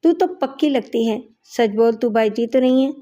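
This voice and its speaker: A woman voicing a brash, chatty gang woman who talks coarsely and teases loudly. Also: fairly high pitch, dull audio, lightly acted. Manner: loud, teasing, coarse talk.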